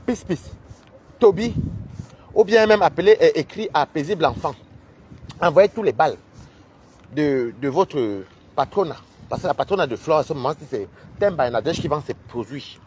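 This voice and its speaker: A man's voice: a little high, animated, moderate pace, a little mellow, slight background noise. A man filming a casual vlog in an office building, delivering an indignant, repetitive warning to his online viewers. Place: office building, walking to get coffee.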